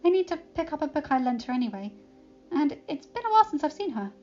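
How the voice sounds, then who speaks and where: A woman's voice: high-pitched, big pitch swings, fast, dark tone, pitched above the performer's own voice. A woman voicing a flustered young female pony princess who stammers, in a slightly dull recording with faint music behind. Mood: shy.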